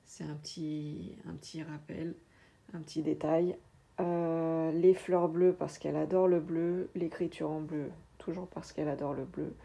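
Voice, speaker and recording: A woman chatting casually through a craft unboxing, hesitant with many filler pauses. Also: sits low, level tone, gravelly, dark tone. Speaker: diamond painting vlogger.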